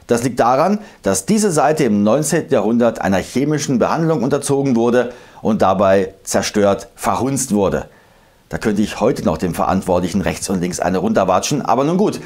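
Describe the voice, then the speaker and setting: Deep-ish male voice, animated pitch, emphatic explainer reciting old verses, educational narration. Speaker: history video host.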